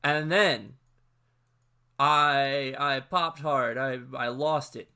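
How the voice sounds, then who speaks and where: A man co-hosting a casual podcast, telling stories excitably and enthusiastically, with quick restarts. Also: medium pitch, clean tone. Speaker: podcast co-host.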